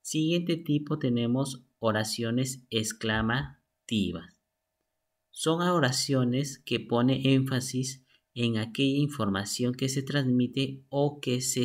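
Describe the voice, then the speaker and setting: A man teaching a lesson from slides, methodical and reading examples aloud. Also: medium pitch. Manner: slow, methodical, reads out examples. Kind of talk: slide lesson on sentence types.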